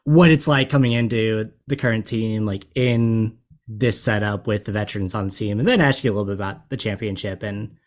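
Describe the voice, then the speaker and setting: A man's voice: lowish voice, fairly quick. A man from St. Louis hosting a soccer podcast, laid-back and full of casual fillers. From St. Louis, USA. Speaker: podcast host. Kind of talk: casual interview chat.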